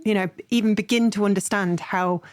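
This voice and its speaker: A woman's voice: medium pitch, fairly even intonation, fairly quick. A woman from Ireland hosting an interview, an engaged listener who chimes in with her own stories. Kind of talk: conversational interview.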